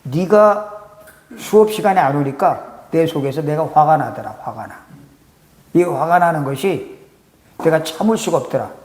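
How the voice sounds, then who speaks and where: A man's voice: a little high, expressive, measured pace, darkish tone. A man, a pastor, preaching a sermon and asking the congregation rhetorical questions. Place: church sanctuary. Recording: echoey church hall reverb.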